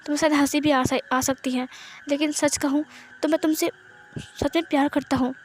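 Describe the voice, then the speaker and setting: A woman's voice: high voice, fairly even intonation, fairly quick, a little hiss or hum, close to an everyday voice. A woman voicing a lovesick young woman who pleads and presses with questions, in a read-aloud fan story. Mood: pleading.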